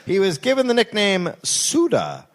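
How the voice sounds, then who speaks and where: A man hosting a comedy podcast, telling a story aloud with wry, quick asides between story beats. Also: high-pitched, huge pitch swings.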